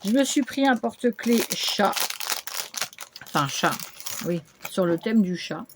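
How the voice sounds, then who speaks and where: A woman's voice: mid-range voice, expressive, unhurried, noisy background. Woman vlogger, mid-range voice, casual haul chatter on a camera mic. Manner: chatty, frequent fillers and little interjections. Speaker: vlogger showing a shopping haul. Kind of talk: casual haul video chat.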